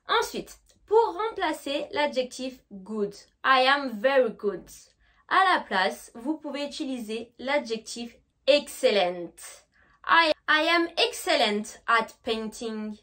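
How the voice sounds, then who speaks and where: Speaking straight to her viewers in a casual online English lesson, a teacher with a French accent draws out every model word for them to repeat. Her voice is high and light with a sharp tone.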